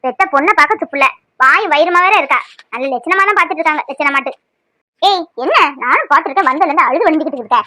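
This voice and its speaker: A woman voicing a sharp-tongued, scolding adult sister-in-law in a cartoon serial. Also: animated, quick pace, no room sound. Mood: scornful. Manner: scolding, shrill and accusing.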